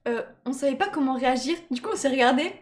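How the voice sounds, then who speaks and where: A woman's voice: sits high, lively intonation, fast talker. A young woman in casual chat, chatty and emphatic, often laughing. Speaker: co-host.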